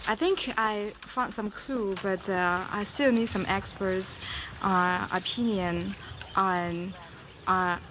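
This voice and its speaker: A woman from China speaking slowly and hesitantly in a short video interview, with many fillers. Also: medium pitch, fairly even intonation, a bit bright, a little hiss or hum. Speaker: workshop participant.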